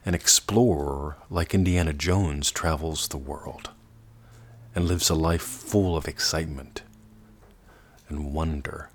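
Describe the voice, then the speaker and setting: A man giving a meditative self-development lesson, drawing words out slowly and often half-whispering them. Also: extremely low pitch, steady tone, a little hiss or hum. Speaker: teacher.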